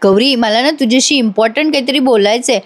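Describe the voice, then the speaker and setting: A woman's voice: on the high side, fast talker, lightly acted. A woman voicing a fatherly older male canteen owner who talks in a coaxing, affectionate way.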